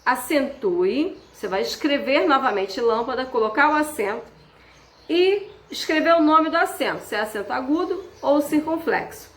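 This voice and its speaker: A woman teacher giving a patient remote lesson, slowing down to stress key words. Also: high-pitched, expressive. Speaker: schoolteacher. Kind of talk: remote class instructions. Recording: echoey room.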